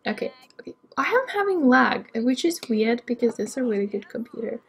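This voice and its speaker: A woman's voice: on the high side, big pitch swings, fairly quick, creaky, breathy edge. A young woman casually chatting through her game as she plays, rambling and talking to herself with lots of ums. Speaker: let's play gamer. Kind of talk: casual gameplay commentary.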